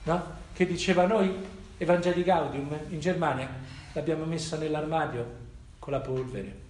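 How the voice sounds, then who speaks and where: A man preaching a reflective sermon, reading scripture and asking rhetorical questions, with frequent pauses to check in with listeners. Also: on the high side, fairly even intonation, darkish tone, reverberant, slight background noise.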